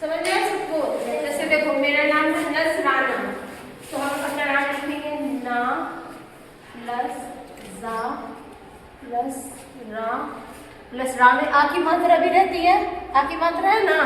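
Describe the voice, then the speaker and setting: Female classroom teacher, high voice, recorded from across a reverberant room with faint noise. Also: slow pace, pauses often, a bit bright. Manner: mixes Hindi and English, checks understanding often. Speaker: Urdu teacher. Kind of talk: classroom lesson. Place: school classroom. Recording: distant voice in echoey hall.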